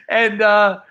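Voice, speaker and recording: Hosting a casual, unscripted livestream for a fan show, an American man speaks in a high, bright voice. He rambles and halts, often letting thoughts trail off before starting the next, and the audio sounds dull.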